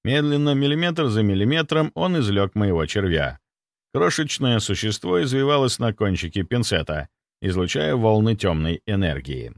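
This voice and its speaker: Lively male audiobook narrator, dry sound. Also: fairly low pitch, normal speed, vocal fry, no echo. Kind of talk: first-person audiobook narration.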